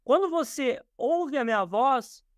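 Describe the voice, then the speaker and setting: An extremely high-pitched, expressive male voice speaks unhurriedly, with no echo and clean studio sound. He is a podcast guest from Brazil, joining by video call from his office and thoughtfully explaining ideas in interview talk full of fillers and restarts.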